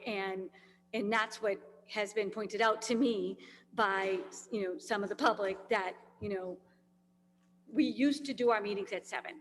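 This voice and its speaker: A woman on a school committee speaking at a public meeting, tired and losing her voice, rambling with many fillers. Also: mid-range voice. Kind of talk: meeting discussion. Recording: long reverb, faint hum.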